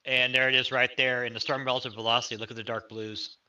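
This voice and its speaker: A man's voice: medium pitch, level tone, fast, sharp tone. A man co-hosting live storm coverage, commenting on radar and giving urgent, clipped directions. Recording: dull, band-limited audio.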